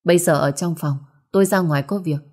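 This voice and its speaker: Woman voicing stern young master, quick clipped lines, storybook drama. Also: on the low side, a little mellow, close to an everyday voice. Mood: curt.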